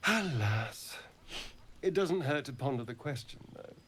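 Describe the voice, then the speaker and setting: A centuries-old vampire elf from a video game. He talks in a silky, theatrical voice, slow and lingering. His pitch moves a great deal. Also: expressive, a bit bright, a little hiss or hum.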